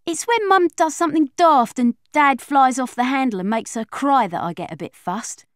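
In a clean, dry studio recording, a woman with a high voice reads a first-person audiobook at normal speed. She takes on the voice of a chatty young girl telling her own story, sounding lively, expressive and confiding.

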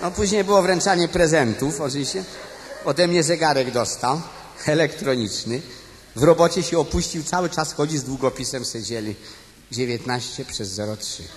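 A man's voice: medium pitch, a little hiss or hum. A man performing a live cabaret monologue, chatting straight to the audience in a storytelling manner with tag questions. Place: stage before a live audience. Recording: live stage recording with long hall reverb and music.

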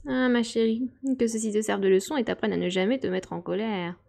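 Storybook old mother crab, preachy and mellow, read by a woman. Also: mid-range voice, fairly quick, gravelly, lightly acted.

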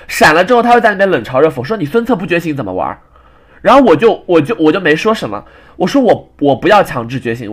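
A man's voice: a little high, fairly bright tone. A young man retelling a frustrating online card game match in a casual, exasperated rant, often restarting his sentences. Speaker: game commentator. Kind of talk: casual gameplay storytelling.

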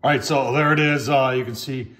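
A man's voice: medium pitch, fairly even intonation, fairly quick, fairly bright tone. An older man chatting casually at home in his kitchen, reviewing a product in a folksy way, calling his viewers "folks", with the phone camera close at hand.

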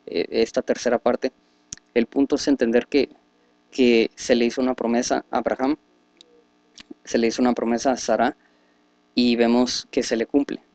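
A man's voice: medium pitch, little pitch movement, moderate pace, pauses often, darkish tone, dry recording. A man leading a Bible study, reading scripture aloud and then explaining it at length with many fillers and restarts. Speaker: religious teacher.

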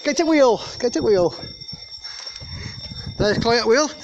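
Mum type, casual, short repeated instructions, heavy noise on handheld phone audio. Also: female voice, a little high, animated, unhurried, dull audio. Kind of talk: casual chat while filming. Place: old mine site, in and out of stone buildings. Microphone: handheld phone camera. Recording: very noisy handheld phone recording.

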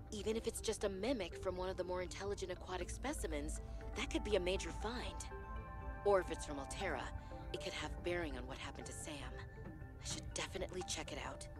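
An actress playing an inquisitive, determined woman scientist in a thoughtful, measured video game audio log. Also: lowish voice, natural voice. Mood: curious, resolved. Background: game music.

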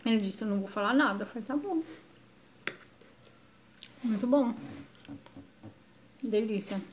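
A woman's voice: fairly high pitch, unhurried, a little mellow, a little hiss or hum. Chatty Brazilian woman vlogging at home. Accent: Brazilian Portuguese. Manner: chatty, addresses viewers directly. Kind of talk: casual home vlog. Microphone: handheld phone.

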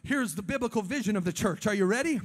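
A man preaching a Pentecostal sermon in a church, swinging between fervent shouts and hushed asides and calling on the congregation for amens. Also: high-pitched, expressive, fast. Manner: calls on the congregation for amens and responses. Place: church sanctuary before a congregation.

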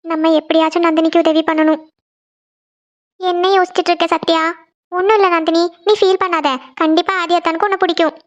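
Woman voicing Sathya, coaxing young friend, high-pitched. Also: little pitch movement, fairly quick, highs cut off. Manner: coaxing, repeated questions. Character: caring young woman consoling her crying friend. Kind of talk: cartoon voice acting.

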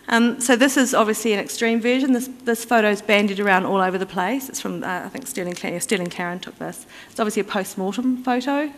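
Speaking at a mid-range pitch, a conference presenter explains things step by step in a conversational manner. Now and then she pauses on fillers or restarts a sentence, and the hall around her gives her voice a long reverb.

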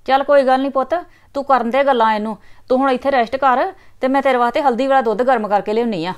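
An actress playing a middle-aged mother, defensive and quick to scold. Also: high-pitched, steady tone, smooth, lightly acted.

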